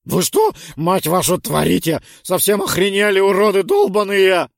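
A wounded man yells curses in a high, cracking voice that leaps wildly up and down, as a male narrator puts him on. His voice is gravelly and husky, recorded dry and close. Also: expressive, normal speed, no room sound. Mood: furious panic. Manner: hoarse, screaming and cursing. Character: wounded foul-mouthed male companion, panicked.

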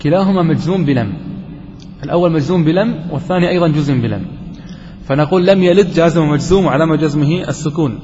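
A man's voice: a little high, darkish tone, slight background noise. A man teaching a grammar class, explaining each point step by step and checking with his students through questions. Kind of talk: classroom lesson. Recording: dull lo-fi recording with long reverb in a hall.

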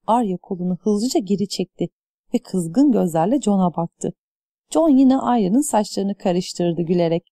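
A woman narrates a story at an even, measured pace. Her voice is warm and mellow in tone, and it is recorded close to the mic in a dry space with no reverb. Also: medium pitch. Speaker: audiobook narrator. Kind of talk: scripted narration.

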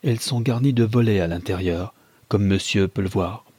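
A man's voice: fairly low pitch, normal speed, darkish tone, husky, no room sound. A man voicing an obliging, deferential hotel waiter. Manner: deferential, salesmanlike.

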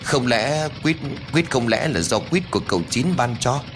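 A man's voice: mid-range voice, expressive, moderate pace, music in the background, lightly acted. A man voicing a fretful old village woman. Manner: grumbling, anxious.

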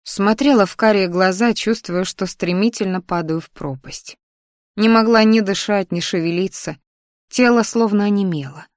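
A woman reading a romantic fantasy audiobook in the first person, at an even, measured pace. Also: medium pitch, no room sound, studio quality. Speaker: audiobook narrator.

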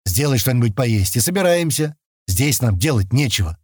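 A man reading an audiobook, voicing a gruff, irritable young man with curt replies. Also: medium pitch, very animated, normal speed, no echo, clean studio sound. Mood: angry. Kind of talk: audiobook character voice.

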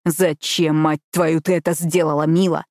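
A woman reading an audiobook, voicing a fierce, commanding young man who growls his words hoarsely through clenched teeth. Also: sits low, flat delivery, moderate pace, a little mellow, no echo, studio quality. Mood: furious. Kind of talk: audiobook character voice.

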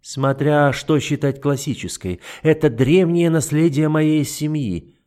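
A man's voice: a little high, a little slow, darkish tone, voice pushed up, lightly acted. A man voicing a cold, cruel, scheming duke in an audiobook, condescending and mocking. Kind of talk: audiobook character voice.

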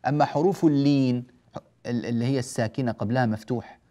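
Patient Arabic tajweed teacher, mellow voice. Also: male voice, medium pitch. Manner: measured and patient, stretching example words and checking in with listeners. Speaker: Quran recitation teacher. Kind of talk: explaining a classical tajweed poem.

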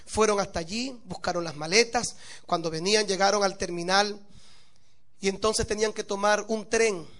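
A male pastor preaching a sermon, telling a story and then building to impassioned, shouted preaching. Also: sits high, moderate pace.

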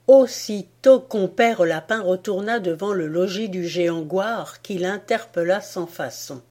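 Slow, expressive woman storyteller. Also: fairly low pitch. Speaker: audiobook reader. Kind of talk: storytelling narration.

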